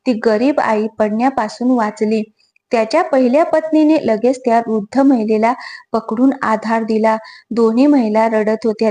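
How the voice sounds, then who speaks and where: A woman storyteller reading a scripted first-person emotional story in a steady, earnest way. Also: on the high side. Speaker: storyteller, channel host.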